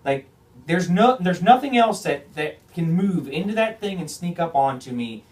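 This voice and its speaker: A man hosting a podcast, telling a hunting story in a casual, animated way, swearing often and restarting his phrases. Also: high voice, normal speed, recorded from a distance. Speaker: podcast host.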